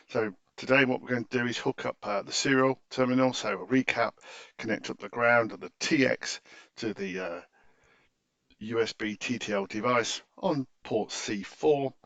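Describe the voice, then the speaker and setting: This man's mid-range voice is creaky and a bit bright, with no room sound. As a tutorial presenter, he narrates an informal technical walkthrough haltingly, frequently correcting himself, in a close-miked recording that's slightly muffled.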